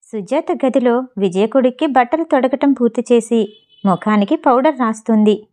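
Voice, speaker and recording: A woman narrating a Telugu family story in a steady, expressive reading style. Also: a little high, normal speed. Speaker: audiobook narrator.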